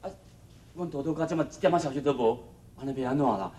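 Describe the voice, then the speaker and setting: An actor playing a fussy, fretful father, talking in a quick, worried way. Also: mid-range voice, warm tone, close to an everyday voice. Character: fretful father of the missing boy.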